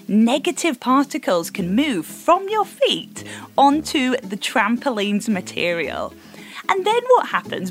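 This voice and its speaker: Female science presenter, highish voice, bright and curious, encouraging, breaking ideas down for kids. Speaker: guest science presenter and prop builder. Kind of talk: explaining science simply to children.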